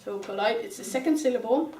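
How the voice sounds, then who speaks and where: A woman's voice: fairly high pitch, lively intonation, fast, dark tone, slight background noise. A young woman with a Dutch accent, teaching an English grammar lesson step by step and calling on pupils by name. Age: young adult. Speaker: student teacher. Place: classroom. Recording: roomy classroom sound, mic far away.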